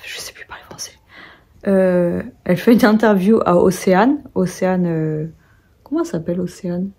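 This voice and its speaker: A woman's voice: on the low side, dark tone. A young French woman vlogging in casual chat, rambling with many fillers and restarts, sleepy.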